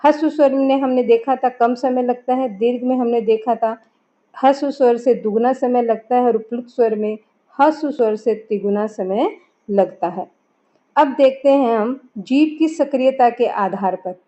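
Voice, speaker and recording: A woman's voice: on the high side, normal speed, mellow. A woman teaching a grammar lesson, explaining step by step and asking and answering her own questions. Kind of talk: classroom lesson. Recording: dull lo-fi recording.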